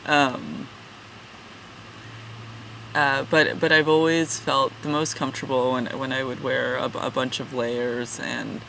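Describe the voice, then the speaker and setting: Young man, twenties, casual vlogger; halting and self-deprecating, slow delivery over a steady hum. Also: mid-range voice, gravelly, low-quality recording. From California, USA. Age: 20s. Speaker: vlogger, regular channel contributor. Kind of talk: casual personal vlog.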